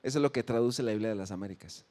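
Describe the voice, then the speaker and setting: A man preaching a sermon as pastor, acting out the pleas of the faithful with sudden rises in voice. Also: rapid-fire. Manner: emphatic, acts out pleas with sharp rises in pitch and volume.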